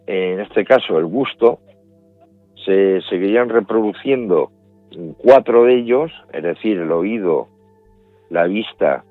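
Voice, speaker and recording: A middle-aged man from Spain with a Spanish accent, appearing as a paranormal investigator guest, answers interview questions in a low, measured voice. He explains his ideas step by step and often restarts his phrases. The audio is a dry, phone-like remote line with no room sound and faint music underneath.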